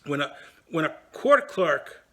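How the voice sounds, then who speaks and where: A man who heads a law practice, telling a story in a casual monologue. He talks in an animated, indignant way, with many restarts. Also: a little high, slow.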